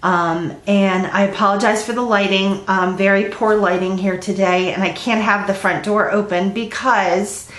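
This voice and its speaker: A middle-aged woman hosting her flosstube stitching vlog chats at home in a rambling, casual way full of ums, sounding stuffy from a cold. Her mid-range, fairly bright voice keeps a fairly even intonation at a moderate pace with hardly any pauses. The indoor recording sounds roomy.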